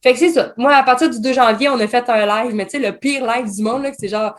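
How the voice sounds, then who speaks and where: Québécois woman chatting in an interview, kinda high voice, animated, laughs a lot. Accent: Québécois French. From Quebec. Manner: animated, laughing often, quick colloquial talk. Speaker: guest, escape game designer. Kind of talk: casual storytelling interview.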